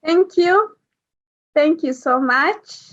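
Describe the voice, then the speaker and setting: A woman's voice: sits high, lively intonation, takes it slowly, fairly bright tone. A woman from Kenya with a Kenyan accent, a guest talking casually in an interview, hesitant with many fillers and easy laughs. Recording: dull lo-fi sound.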